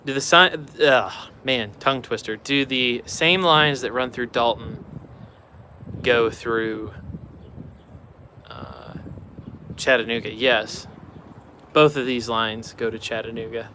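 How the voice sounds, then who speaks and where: A man chatting casually on a live stream and answering viewers' questions offhand. His voice is bright and clear. He is outdoors beside railroad tracks, with faint outdoor ambience behind him. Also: mid-range voice, slow pace, long pauses, a little hiss or hum.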